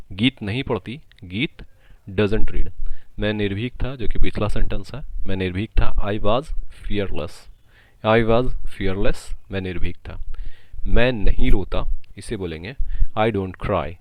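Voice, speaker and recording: A man teaches everyday English phrases, going through them slowly and saying each one twice. His voice sits on the low side. The recording is close and dry, with no room sound. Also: no echo. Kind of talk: spoken English lesson in Hindi.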